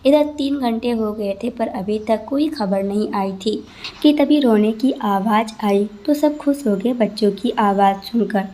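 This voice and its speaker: A woman narrating a scripted story as a storyteller, in an even, expressive manner. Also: on the high side, a little slow.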